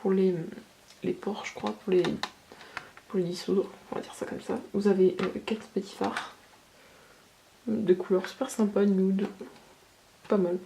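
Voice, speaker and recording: In an echoey room with constant background noise, a woman reviews her beauty haul in a chatty, casual way. Her mid-pitched voice is gravelly and unhurried, with long pauses, many fillers and frequent hesitations as this beauty vlogger talks.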